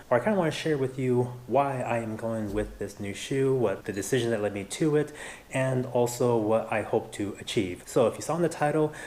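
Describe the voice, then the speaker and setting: A man's voice: mid-range voice, darkish tone, slight background noise. An American man in his thirties talking casually and earnestly to his viewers in a vlog, often repeating points for emphasis. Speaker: running vlogger. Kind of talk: casual vlog talk to camera.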